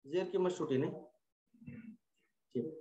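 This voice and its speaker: A man's voice: a little high, slow pace, mellow. A man teaching an online Quran recitation class, patiently repeating letter drills and quizzing his students. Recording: echoey room, dull lo-fi sound.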